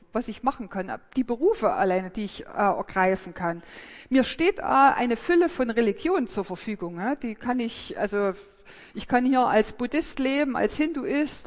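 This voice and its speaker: A woman's voice: on the high side, big-room sound. A woman giving a sermon, thinking aloud in a hesitant, reflective way with frequent fillers and restarts.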